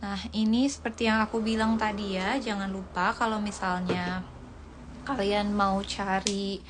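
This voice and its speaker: A woman's voice: mid-range voice, steady tone, a little slow. A woman teaching English words on a casual livestream, repeating each word and explaining it, her voice dry and cracking. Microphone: phone livestream. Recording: faint background noise.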